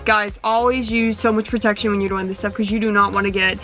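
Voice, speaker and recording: Here the van-fixing vlogger, a woman in her twenties, talks quickly and flatly at medium pitch, her tone a little bright. She keeps up a chatty, casual stream to camera while she works.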